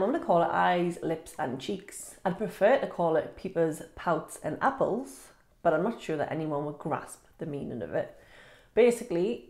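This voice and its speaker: A woman with a fairly low, darkish voice chats casually to camera as a beauty vlogger reviewing makeup. She's informal and self-deprecating and sounds sniffly, with a congested, nasal quality, recorded in an echoey room.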